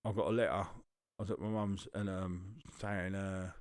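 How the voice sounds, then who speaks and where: A London-accented man with a low voice and little pitch variation speaks at normal speed in a dry, studio-quality recording. As a podcast co-host, he tells a long, rambling anecdote packed with swearing in a casual storytelling chat.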